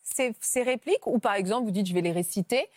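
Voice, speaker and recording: A woman from France hosting a talk show, asking brisk, curious questions. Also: mid-range voice, a little mellow, no echo, studio quality.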